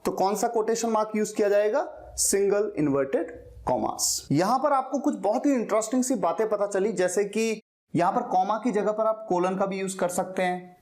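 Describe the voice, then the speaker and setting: A man whose voice sits high and is a little mellow teaches a class, explaining patiently one step at a time. His lecture includes slow repetitions of words to model pronunciation.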